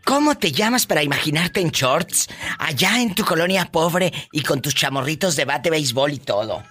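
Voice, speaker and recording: A man's voice: fairly high pitch, lively intonation, normal speed, bright, forceful tone, breathy edge. A man with a Mexican accent hosting a call-in radio show, flamboyant and gossipy, teasing his caller and laughing often. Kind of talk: campy call-in radio chat.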